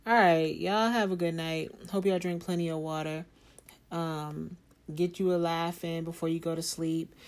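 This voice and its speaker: Laid-back low-voiced woman podcaster. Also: creaky, a little mellow. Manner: rambling, profane, laid-back; talks with candy in her mouth. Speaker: podcast host. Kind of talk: casual solo podcast chat.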